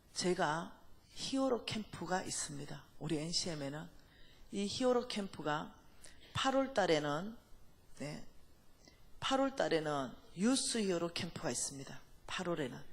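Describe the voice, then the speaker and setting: A man's voice: high-pitched, vocal fry. A man preaching a revival sermon as pastor, questioning the congregation and dropping to a whisper to press a point home. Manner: acts out quoted voices, drops to whispers for emphasis; talks straight to the congregation with questions.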